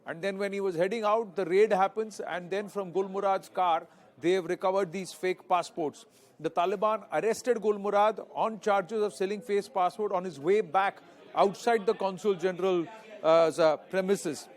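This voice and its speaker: High-pitched Indian male anchor in a newsroom. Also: fairly even intonation, moderate pace. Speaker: news anchor. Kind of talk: live news presenting from a newsroom.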